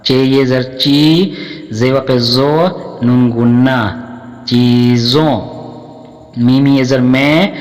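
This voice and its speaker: A man teaching Urdu reading with a Pakistani accent, spelling each word out letter by letter, drawing out syllables and repeating each word. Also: mid-range voice. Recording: long hall reverb.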